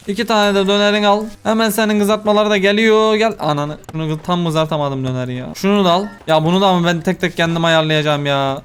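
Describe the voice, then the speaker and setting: A man's voice: high voice, fairly bright tone, slight background noise. A man giving let's-play commentary as host of his gaming channel, frantic and exasperated, scolding the game's customers as he plays.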